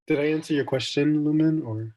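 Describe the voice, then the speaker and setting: A young Jamaican man hosts a casual online student discussion, his voice on the high side with a dark tone. He talks fairly quickly but meanders thoughtfully, with frequent ums and restarts.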